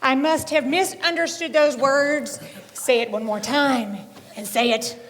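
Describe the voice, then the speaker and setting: An actress doing a sweetly sarcastic small-town wife who draws her words out slowly while her high voice swoops up and down for effect. The sound is live stage audio with a long hall echo and faint noise. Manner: drawn-out, coy and sarcastic, gasping for effect. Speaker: shopkeeper's wife Missus Barnum. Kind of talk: community theater stage acting.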